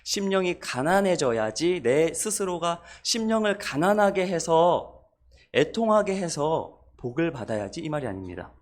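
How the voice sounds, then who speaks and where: A man's voice: a little high, sing-song, a little slow. A man preaching a sermon as pastor, asking the congregation questions and rising on repeated refrains.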